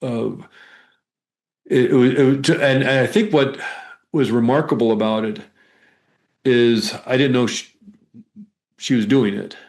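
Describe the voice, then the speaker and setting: Here a hypnotherapist is being interviewed, his medium-pitched voice darkish in tone and fairly even in intonation. He talks about his work conversationally, wandering off track, with halting phrases and repeated words.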